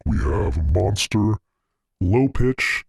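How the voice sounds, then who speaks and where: A man speaking through a deep pitch-shifted monster voice-changer effect while he explains the settings in a relaxed, step-by-step way. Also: extremely slow, vocal fry, slightly rough, full character voice. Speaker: tech reviewer demoing an audio interface. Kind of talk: casual product demo. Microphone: studio mic with headphones on.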